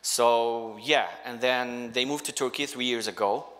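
A middle-aged Iraqi man whose first language is Arabic gives an earnest, halting personal testimony in English as a guest on a church sanctuary stage. His mid-range voice is steady and fairly bright, carrying an Iraqi accent. He speaks into a handheld mic on a stand, and the church hall sound is reverberant.

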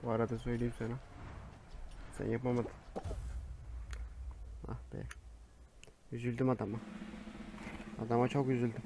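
A young man chatting through his gameplay in a mid-range voice, muttering to himself and now and then bursting into loud shouts. A faint hiss of noise sits under the recording. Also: medium pitch, flat delivery, normal speed, gravelly, long pauses. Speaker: gameplay commentator. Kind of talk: casual gaming commentary.

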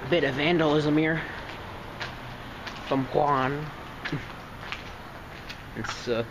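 A man's voice: a little high, slow, dull audio. A man casually narrating as he walks around outside a closed store, thinking aloud and easily amazed. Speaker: vlogger exploring a closed store. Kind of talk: casual walkaround commentary. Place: outdoors by an empty store and parking lot. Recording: outdoor noise and traffic under the voice.

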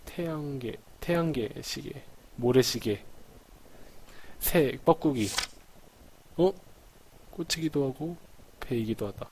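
A man's voice: medium pitch, slow, long pauses, a little mellow. A man giving casual live commentary on a game, musing aloud and reading text out as he plays. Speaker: gamer playing a horror game live. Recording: clearly noisy home recording with clicks.

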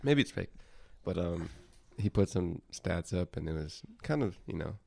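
Animated and warm, a young man's low-pitched voice with vocal fry moves at normal speed as he co-hosts a podcast. He swears casually, rambles, and trails off mid-thought during the chat.

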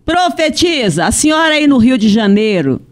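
A woman's voice: high-pitched, very animated, normal speed. A woman with a Brazilian accent hosting and moderating a church podcast conversation, affirming her guests and often asking "né?". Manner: affirming, warmly interjecting "né?".

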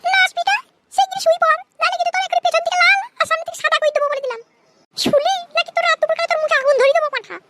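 A woman voicing a quick-tempered cartoon mother who screeches threats and insults at her family. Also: very high-pitched, fairly even intonation, sharp tone, no room sound, voice pushed up. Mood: shrieking. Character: shrill scolding mother Pushpa, quick-tempered. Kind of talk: comic Bengali cartoon voice acting.

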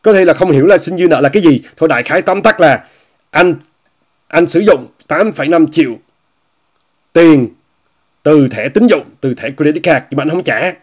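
A man hosting an online commentary monologue, addressing viewers, repeating phrases and mocking what he discusses. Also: a little high. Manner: repetitive, often repeats phrases and says "quý vị" often; scornful, mocking tone.

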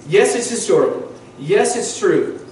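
Preaching a sermon to his congregation, a man in his thirties asks them questions as he teaches, his slightly high voice taking on a sing-song, unhurried, somewhat mellow quality. The pastor is recorded from a distance in a highly reverberant sanctuary, and a faint hiss lingers underneath.

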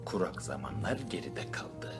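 A man delivering deadpan mock nature-documentary narration. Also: sits low, normal speed, in a whisper. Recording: music under narration. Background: music.

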